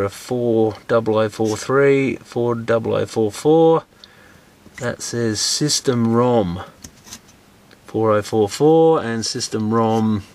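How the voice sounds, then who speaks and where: Low-voiced man narrating a teardown. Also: a little mellow. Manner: thinking aloud, hedging guesses. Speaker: electronics repair host. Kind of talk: casual teardown commentary. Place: workshop bench, indoors.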